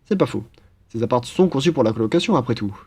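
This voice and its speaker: With a natural, medium-pitched voice, a young man speaks quickly and animatedly over background noise. He's acting out a cheerful, cheeky student roommate in a casual French roleplay, slangy, playful, enthusiastic, and friendly.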